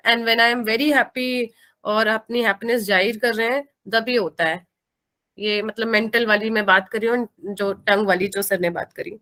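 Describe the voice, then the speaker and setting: A woman's voice: fairly high pitch, steady tone, unhurried, sharp tone. A woman in an online class, politely sharing her own experiences in mixed Hindi and English. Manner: polite, reflective, shares personal experiences. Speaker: participant.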